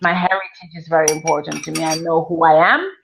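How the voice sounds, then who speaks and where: A woman's voice: sits low, fairly even intonation, fast, gravelly, noisy background. A woman from Jamaica in her thirties, a guest in an interview, telling her life story earnestly and with emphasis, often repeating phrases for effect. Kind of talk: personal testimony in an interview.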